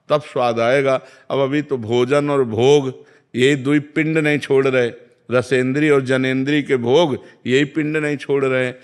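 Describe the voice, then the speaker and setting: A man delivers a devotional discourse in a calm, measured voice at an ordinary mid pitch. He speaks as a spiritual teacher, instructing firmly and quoting scripture now and then. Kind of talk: devotional discourse answering questions.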